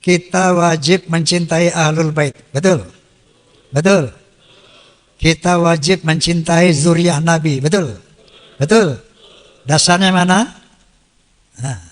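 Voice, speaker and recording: A man's voice: on the high side, takes it slowly, long pauses. A man preaching a sermon. He quotes Arabic verses and then explains them, and he often asks a question and answers it himself. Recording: reverberant hall sound.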